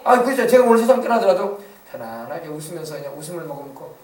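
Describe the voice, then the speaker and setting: A man pastor preaching a sermon, emphatic, swinging between hushed passages and loud exclamations. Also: fairly high pitch, big pitch swings, fast talker. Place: church sanctuary. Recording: echoey church sound from a distance.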